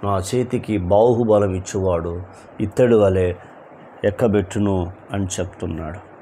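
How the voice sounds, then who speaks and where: A man's voice: low voice, measured pace, warm tone, a little hiss or hum. A male pastor preaching an evening sermon, repeating rhetorical questions and rising suddenly on key words.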